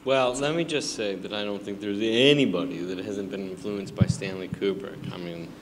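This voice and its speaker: Low-voiced american guy rambling at a q&a, lots of um and you know, big echoey theater, noisy. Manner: halting, rambling with many fillers and restarts. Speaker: filmmaker answering audience questions. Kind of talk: casual live Q&A. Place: large theater in front of an audience. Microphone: handheld mic. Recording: long theater reverb, background noise.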